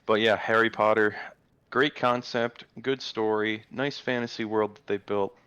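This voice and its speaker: A man's voice: on the low side, fairly even intonation, a little slow, fairly bright tone, smooth. A man co-hosting a podcast in casual chat, making dry, sarcastic quips. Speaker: podcast co-host. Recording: dull lo-fi sound.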